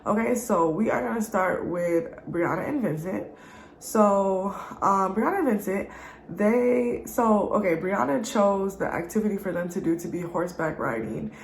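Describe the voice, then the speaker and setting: A woman's voice: medium pitch, moderate pace, reverberant, a little hiss or hum, rough recording. A young woman with a congested voice, chatting casually and slangily to her viewers as a YouTube reviewer. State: congested from allergies. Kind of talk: casual chat.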